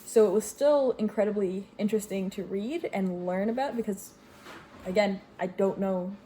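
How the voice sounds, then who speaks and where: Her voice is mid-range and dark, moving at a moderate pace, with slight background noise. She's a young book vlogger from Greece reviewing her reads casually at home over a running washing machine, rambling, using fillers and backtracking to fix what she said.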